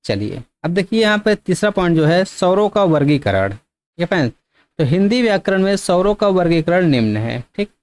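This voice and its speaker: Hindi teacher quizzing himself aloud. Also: male voice, high-pitched, sing-song, fairly quick, no room sound. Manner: repeats "theek" often, asks and answers his own questions; stretches words to demonstrate long vowels. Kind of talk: exam-prep grammar lesson.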